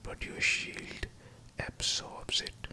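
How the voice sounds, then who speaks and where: A man whispering a scripted pep talk of affirmations, in short, deliberate phrases. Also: sharp tone. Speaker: guided affirmation narrator.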